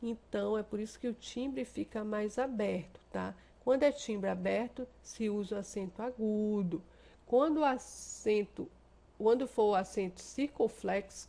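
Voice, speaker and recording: A Brazilian woman teaching a class. She explains step by step, keeps checking that her students follow, and draws out the example words slowly. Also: medium pitch, vocal fry, mellow. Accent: Brazilian Portuguese. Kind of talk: remote class lesson.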